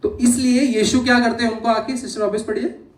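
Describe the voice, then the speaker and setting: A man preaches in a church hall, firing questions at the congregation and calling out hallelujah, with English words mixed into his talk. His voice sits high for a man. The sound is echoey and picked up from a distance. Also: little pitch movement, a little fast. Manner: asks the congregation many questions, calls out hallelujah. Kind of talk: sermon.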